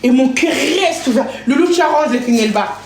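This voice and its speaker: A high-voiced woman talks and sings on a live stream from her kitchen at home. She is playful and chatty. The room is very echoey, with clear noise behind her. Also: animated, a little fast, recorded from a distance. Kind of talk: casual live stream chat.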